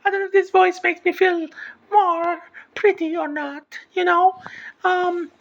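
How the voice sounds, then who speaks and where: A woman talking in a thin falsetto about an octave above her normal voice. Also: little pitch movement, measured pace, vocal fry, full character voice. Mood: amused. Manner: airy falsetto, self-mocking. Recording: dull lo-fi audio, from a distance.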